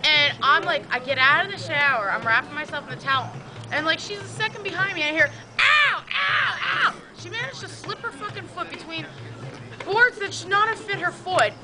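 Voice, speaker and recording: A woman with a hoarse voice telling a rambling, profane camping story to friends, acting out the people she quotes. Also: very high-pitched, brisk, loud music behind the voice, a loud crowd. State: hoarse, says she has no voice. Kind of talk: casual storytelling among friends. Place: outdoors at a campsite.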